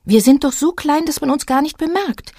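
A woman voicing a young boy troll from a storybook, higher and eager, trying to sound brave. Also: moderate pace, dark tone, no echo, clean studio sound. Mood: bold.

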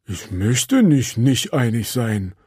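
A man's voice: medium pitch, very animated, slow, a little mellow, breathy edge, no echo, studio quality, full character voice. A man voicing a big, clumsy, good-natured wrecker in a storybook reading, earnest and a little simple.

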